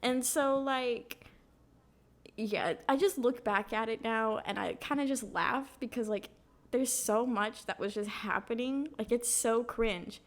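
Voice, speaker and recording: A young woman co-hosting a podcast, telling stories in a casual, animated way with lots of fillers. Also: fairly high pitch, unhurried. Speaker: podcast co-host. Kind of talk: casual chat.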